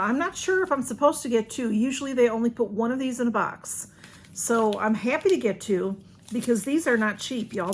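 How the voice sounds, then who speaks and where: An American woman vlogger unboxes a beauty box, chatting casually and folksily with viewers, rambling and saying "y'all" often. Her fairly high voice is slightly slurred, apparently from a sore tongue or mouth, and faint room noise sits in the background.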